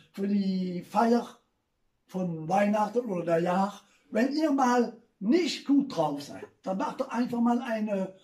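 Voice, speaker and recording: Speaking in a high, slightly mellow voice, a carnival comedian with a Rhineland German accent does stand-up jokes in his living room and laughs at his own punchlines. It's recorded from afar in an echoey room.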